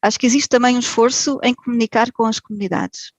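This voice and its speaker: Speaking fast in a fairly high, steady voice, a podcast guest from Portugal with a European Portuguese accent chats hesitantly in a casual interview, full of fillers and restarts. The recording is dry.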